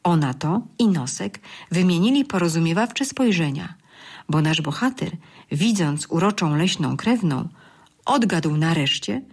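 A woman reading a children's story aloud in a calm, measured way. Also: fairly low pitch, breathy edge. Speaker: narrator. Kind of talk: scripted storybook narration.

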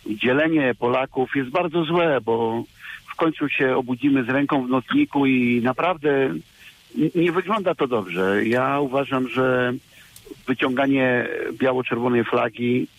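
A male caller on a radio phone-in, heard through a muffled, lo-fi phone line at a middle pitch. He speaks earnestly and steadily, pausing with filler sounds as he makes his point. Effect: caller heard over a phone line on radio. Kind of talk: phone-in opinion.

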